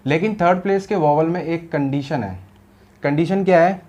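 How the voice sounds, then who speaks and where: A man's voice: on the high side, moderate pace, darkish tone. A man teaching shorthand in a classroom style, explaining step by step and asking rhetorical questions, mixing Hindi with English terms.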